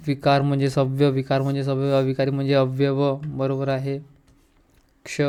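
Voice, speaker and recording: Man with a flat, mellow voice. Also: medium pitch, clear, resonant tone. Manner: repeats answers, checks them aloud. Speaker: exam coaching teacher. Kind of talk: grammar lesson going through quiz questions.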